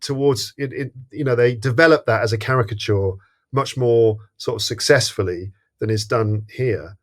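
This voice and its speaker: A man's voice: medium pitch, moderate pace. A man co-hosting a podcast, talking through a comedy film in a thoughtful, hesitant way with many restarts. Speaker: podcast co-host. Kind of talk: casual film review chat.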